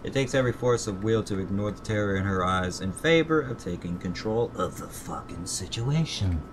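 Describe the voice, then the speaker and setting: A gaming streamer reads a visual novel aloud at normal speed, animated and stumbling over words. He throws in profane, exasperated asides, and rumbly background noise runs under the recording.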